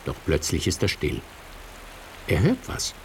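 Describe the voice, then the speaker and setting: A man narrating a children's radio story in an expressive storytelling manner. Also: sits low, a little slow, slight background noise.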